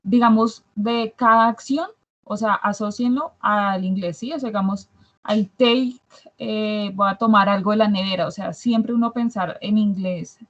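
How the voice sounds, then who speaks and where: A woman's voice: medium pitch, unhurried. A woman student, sharing friendly advice from her own experience in class. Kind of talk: classroom comment. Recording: dull lo-fi sound.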